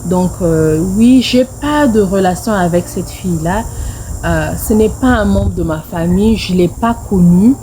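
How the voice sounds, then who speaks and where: In an unhurried, fairly low and dark voice, a middle-aged Congo-Brazzaville woman shares a personal tale for a video. Her accent is Congolese French, she repeats phrases to stress points, and a slight hiss or hum sits underneath.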